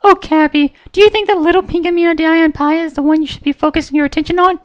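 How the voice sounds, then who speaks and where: A narrator voicing Pinkie Pie, a bubbly pink pony mare with a high, squeaky, giggly sing-song voice who hides a murderous streak. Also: steady tone, fast, highs cut off. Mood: creepy.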